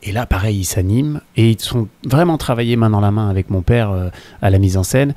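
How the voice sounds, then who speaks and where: A man from the opera world telling anecdotes in a relaxed chat, laughing now and then. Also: fairly low pitch, brisk. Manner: anecdotal storyteller, laughs between points. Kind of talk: casual conversation.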